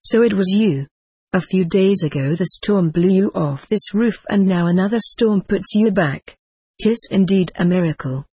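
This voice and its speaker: A man voicing a simple, excitable old monk who bawls his words in a storybook reading. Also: sits high, moderate pace, slightly rough, no echo, heavily acted. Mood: astonished. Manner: bawling, excitable.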